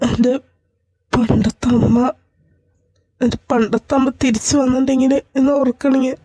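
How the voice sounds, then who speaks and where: A woman's voice: high voice, flat delivery, moderate pace, dark tone. A woman doing a tearful teenage son. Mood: defiant. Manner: pleading, tearful. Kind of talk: amateur fan drama.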